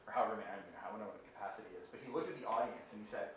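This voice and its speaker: A man's voice: on the low side, very fast. Man talking in a very echoey hall. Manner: rambling, filler-heavy, animated retelling. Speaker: conference speaker. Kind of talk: casual live talk. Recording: very echoey hall with faint noise.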